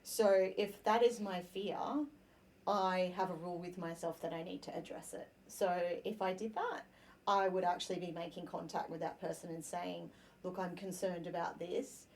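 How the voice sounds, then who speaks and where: A woman with a fairly low voice talks through ideas in a relaxed podcast conversation. She is lively and acts out snippets of her own thinking as little quoted scenes. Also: normal speed. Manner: animated, acts out quoted inner dialogue. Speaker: podcast host. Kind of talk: casual conversational chat.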